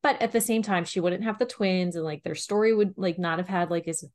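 A woman co-hosting a book review podcast, chatting casually with a steady stream of "like" and quick laughs. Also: fairly low pitch. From Pennsylvania, US. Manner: chatty, heavy use of "like", animated and laughing. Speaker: podcast co-host reviewing romance books. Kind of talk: casual chat.

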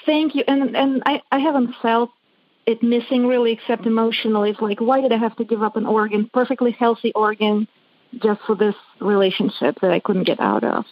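Breathy woman calling in to a radio show. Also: a little high. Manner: eager, thankful, quick to agree. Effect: phoned-in radio show caller. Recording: dull lo-fi phone line.

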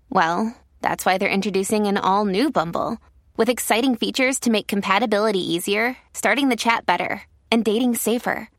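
A woman's voice: mid-range voice, moderate pace, dry recording, studio quality. A woman reading a scripted ad in a wry, conversational way. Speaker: ad announcer. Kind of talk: scripted ad read.

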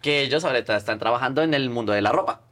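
Fast-talking young man. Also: mid-range voice. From Colombia. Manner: animated, quick storyteller who acts out the people in his stories. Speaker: guest, video creator. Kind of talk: casual interview storytelling.

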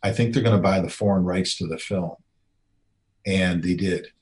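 A middle-aged man speaks in a fairly low voice. He tells a personal story with earnest, conversational warmth and slips into the voices of the people he quotes. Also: steady tone, normal speed. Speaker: filmmaker telling his story.

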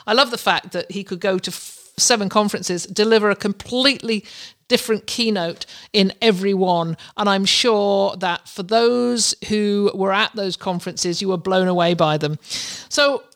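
A woman's voice: mid-range voice, moderate pace. A middle-aged woman hosting a podcast, chatting unscripted and effusively, speaking directly and personally to her listeners. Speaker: podcast host.

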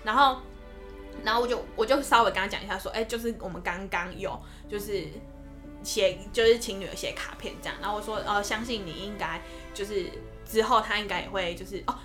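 A young adult woman, a nurse telling a story in a casual podcast chat, expressive and animated. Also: brisk, music in the background. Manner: expressive storyteller, lively swings in pitch.

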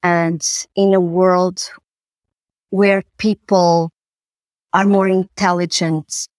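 A woman, a podcast guest who speaks thoughtfully, pausing and repeating words. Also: on the low side, flat delivery, darkish tone, dry recording, clean studio sound. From Portugal. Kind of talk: podcast interview.

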